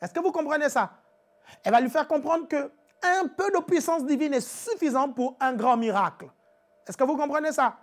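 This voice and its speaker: A woman preacher giving a live-streamed teaching sermon, chatty and animated, laughing often and repeating calls to her viewers. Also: high-pitched, moderate pace.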